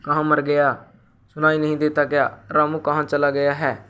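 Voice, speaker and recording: A man doing a sharp old village granny, scolding, bright flat tone. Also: fairly high pitch, moderate pace, clear, resonant tone. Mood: complaining. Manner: scolding, complaining.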